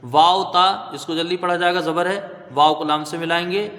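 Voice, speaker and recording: A man teaching Quranic recitation, spelling out letters and then slowly chanting each word, often checking with "right?". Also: fairly high pitch, steady tone, a bit bright, big-room sound. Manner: patient, drawn-out chanting of each word, frequent "theek hai?" checks.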